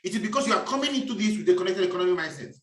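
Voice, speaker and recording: A man's voice: high voice, expressive, racing, far from the mic. A man giving a preachy, emphatic business talk and repeating his key phrases. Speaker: business speaker. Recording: echoey room, voice off-mic.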